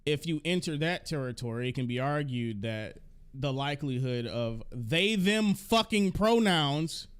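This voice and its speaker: A man's voice: mid-range voice, normal speed, clear, resonant tone. A man hosting a live stream, talking casually with a co-host, profane and exasperated, often restarting his sentences.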